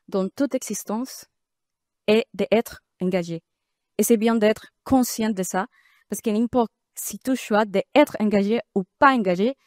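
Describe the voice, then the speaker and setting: A woman's voice: mid-range voice, a little mellow, no echo, studio quality. A woman with a foreign, Dominican Spanish accent in French, a native Spanish speaker, making unscripted forum remarks in hesitant French. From Dominican Republic. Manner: hesitant, non-fluent French. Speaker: artist and art student, audience speaker.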